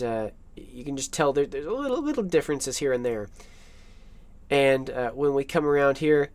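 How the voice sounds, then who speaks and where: A man giving a casual, rambling film analysis, enthusiastic and quick to laugh. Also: on the high side, no echo. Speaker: film commentator.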